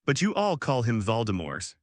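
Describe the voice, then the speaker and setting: A man, likely a synthetic voice, reading the lines of a calm, menacing young boy wizard in a measured delivery. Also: mid-range voice, no room sound, clean studio sound.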